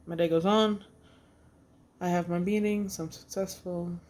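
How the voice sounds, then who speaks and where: A woman casually telling a personal story in a vlog, halting with fillers and restarts, blunt and swearing freely. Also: fairly low pitch, fairly even intonation, a little mellow, a little hiss or hum. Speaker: vlogger.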